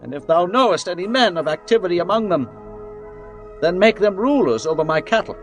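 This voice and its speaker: A man's voice: high voice, lively intonation, brisk. A man voicing a commanding ancient king, speaking in a regal, declamatory way. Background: faint music.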